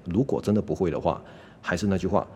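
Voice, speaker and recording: A man giving a casual English lesson, constantly checking in with a quick "OK?" and slowly sounding out example phrases. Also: low-pitched, darkish tone, husky, big-room sound. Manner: demonstrates English pronunciation slowly. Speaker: English teacher. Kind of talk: casual YouTube language lesson.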